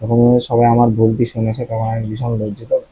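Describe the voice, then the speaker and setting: A man's voice: medium pitch, monotone, normal speed, mellow, a little hiss or hum, low-quality recording. A man from Bangladesh teaching vocabulary in a casual lesson, thinking aloud, checking pronunciations and joking with the viewers.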